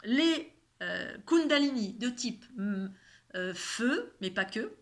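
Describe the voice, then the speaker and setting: A woman's voice: a little high, expressive, slow. A woman with a slight lisp on her s sounds, speaking in a casual, rambling spiritual monologue and repeating words for emphasis.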